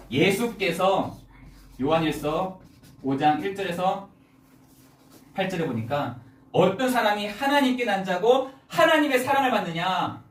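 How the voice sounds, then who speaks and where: Animated preacher in a roomy church hall. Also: medium pitch, recorded from a distance. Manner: animated, asks the congregation rhetorical questions. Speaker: pastor. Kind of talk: sermon. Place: church sanctuary.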